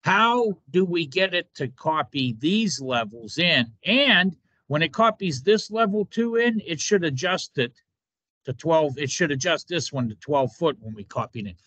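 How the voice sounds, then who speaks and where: A man in his fifties teaches a software tutorial step by step, often telling the viewer to watch. His voice sits slightly high with a crisp, bright edge. The sound is dry and close, recorded at a desk in a small room. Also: animated, measured pace, dry recording. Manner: informal step-by-step instruction, repeated "watch". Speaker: instructor.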